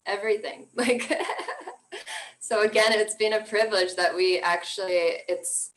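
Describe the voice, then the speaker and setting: A young woman from Canada speaks from her home, leading an online workshop talk. Her voice sits a little low, and she talks in a gentle, flowing way, with soft laughs and easy fillers. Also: low-quality recording. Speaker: tantra workshop teacher.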